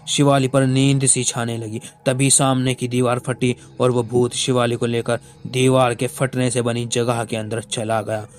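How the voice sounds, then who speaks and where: A man narrating a horror story in a steady, scripted storytelling manner. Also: mid-range voice.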